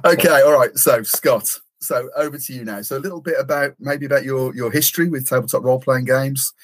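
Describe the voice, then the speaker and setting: A middle-aged man hosting a casual podcast chat, laughing often and talking in a relaxed way. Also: mid-range voice, a little fast, dry recording. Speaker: podcast host.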